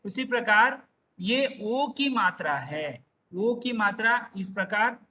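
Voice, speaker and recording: Male teacher, online class: slow, bright-toned, patient repeater, sits back from the mic. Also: high-pitched, expressive. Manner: patient, repetitive, drawn-out syllables. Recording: voice far from the mic.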